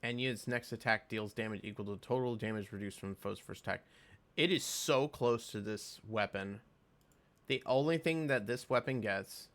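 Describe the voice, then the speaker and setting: A man giving casual reaction commentary on a game, reading skill text aloud and thinking out loud with fillers. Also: lowish voice. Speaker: game video creator.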